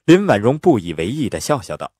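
A man narrating an audiobook in an expressive, lively storytelling manner on a close mic. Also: medium pitch, a little fast, no room sound.

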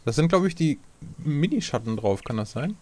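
Lively, excitable German gamer man. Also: on the high side, normal speed. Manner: excitable, laughs often, teasing. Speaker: let's play co-host. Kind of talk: casual gaming chat.

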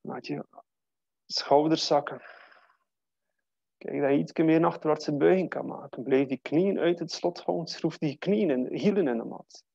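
A man guiding a yoga class, calmly cueing breath and posture in a steady way. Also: a little high, measured pace, gravelly, long pauses, husky, no room sound, highs cut off. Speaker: yoga teacher. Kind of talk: guided yoga class instruction.

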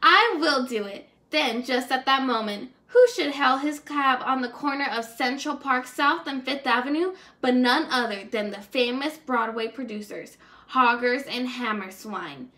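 A young woman reads a children's storybook aloud in a high-pitched voice, sounding like a teacher reading to a class of first graders. She is expressive, a little slow, and occasionally stumbles over words, recorded indoors in a small room at home.

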